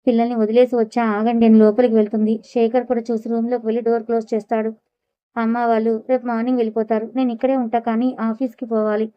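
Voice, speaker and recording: A woman's voice: a little high, flat delivery, fast talker, clean tone, no echo, lo-fi sound. A woman narrating a serialized audio story, voicing the dialogue of all characters in her own voice.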